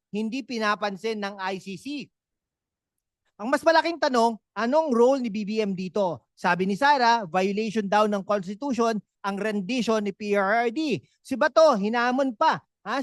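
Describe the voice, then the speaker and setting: A woman delivers animated political commentary in a fairly high voice. She tags her lines with quick "ha" and "no" asides and slides English phrases into her talk. The sound is close and dry. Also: dry recording. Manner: mixes Tagalog and English phrases. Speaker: host of a political commentary channel.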